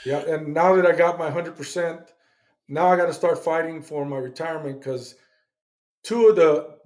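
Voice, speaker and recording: A man's voice: on the high side, normal speed, darkish tone. Blunt man telling service stories. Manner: blunt, swears, acts out quoted dialogue. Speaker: guest, Navy veteran. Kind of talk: casual storytelling interview.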